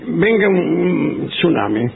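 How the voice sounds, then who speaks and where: A man's voice: fairly high pitch, very animated, slow pace, vocal fry, background noise. A man with an Argentine accent hosting a comic radio show, reading safety advice in a mock-solemn, ironic way. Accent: Argentine Spanish. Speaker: radio host. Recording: phone-like radio broadcast.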